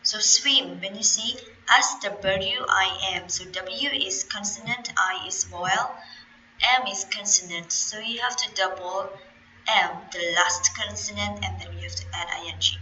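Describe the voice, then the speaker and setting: A woman's voice: medium pitch, unhurried, bright, forceful tone, a little hiss or hum, low-quality recording. A young woman with a Khmer accent teaching an English grammar lesson, patiently spelling out letters and explaining rules step by step. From Cambodia.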